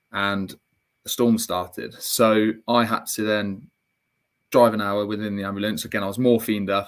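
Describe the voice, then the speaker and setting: A young man with a somewhat low voice, speaking as an interview guest. He recounts a personal story in a candid, reflective way. His speech is full of "um"s, "kind of"s and restarted sentences.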